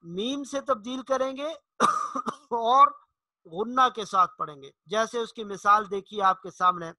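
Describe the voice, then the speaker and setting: A man teaching correct Quran pronunciation in a slow explanatory lesson, drawling each example word and repeating it. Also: high voice, sharp tone, dry recording. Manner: drawls example words slowly and repeats them.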